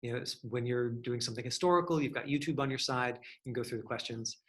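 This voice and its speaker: An acting coach gives a casual online lesson with questions and answers, teaching in a rambling, encouraging, conversational style. He is a man of medium pitch who talks at a quick pace.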